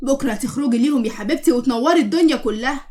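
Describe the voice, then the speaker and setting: A woman's voice: sits high, rapid-fire, warm tone, natural voice. A woman with an Egyptian accent voicing a blunt but caring woman prisoner who scolds her cellmate. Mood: scolding. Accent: Egyptian Arabic.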